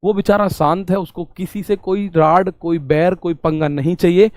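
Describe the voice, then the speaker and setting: A man's voice: sits high, steady tone, normal speed, darkish tone, no echo. A man teaching a math class to exam students, talking casually, repeating questions back to them and explaining with everyday examples. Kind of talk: online exam-prep class.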